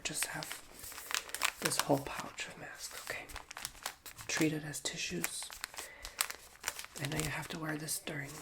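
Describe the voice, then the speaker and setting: A man with a fairly high, creaky, nasal voice whispers an ASMR roleplay, playing a chatty, rambling school guidance counselor. He's getting over a cold and pokes fun at himself as he talks.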